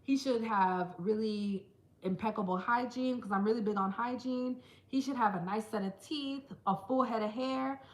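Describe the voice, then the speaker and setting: A woman vlogger chatting casually to camera, telling stories in an animated way and putting on quick voices for the people she quotes. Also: on the high side, echoey room, poor audio. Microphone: small handheld camera.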